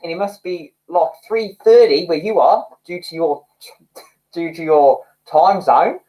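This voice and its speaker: This fairly high-pitched man talks a little slowly, and the audio sounds dull. Hosting a relaxed livestream from home, he reads comments from viewers, chatting, mocking himself, and often breaking into laughter.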